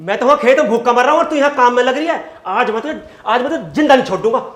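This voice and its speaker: A man's voice: sits high, normal speed, a bit bright. An actor playing an angry, hungry village landlord who scolds his wife sarcastically. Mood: furious. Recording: roomy echo, faint noise.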